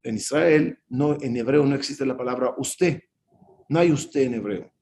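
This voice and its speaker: A man, a rabbi, teaching a Torah class over a video call, an animated storyteller who acts out dialogue with big swings in his voice. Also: mid-range voice, unhurried, a little hiss or hum. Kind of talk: lively teaching with anecdotes.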